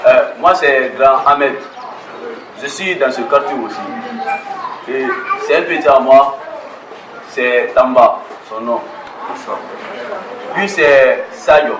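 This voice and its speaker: A man playing a calm neighborhood elder who mediates, speaking in a polite, formal way. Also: medium pitch, slow, long pauses, noisy background, natural voice. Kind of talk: amateur film acting. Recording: roomy, distant, with music.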